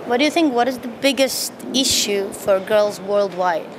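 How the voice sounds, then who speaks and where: A woman's voice: medium pitch, moderate pace. A woman interviewer asking brief, plain questions outdoors. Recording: outdoor recording with traffic noise.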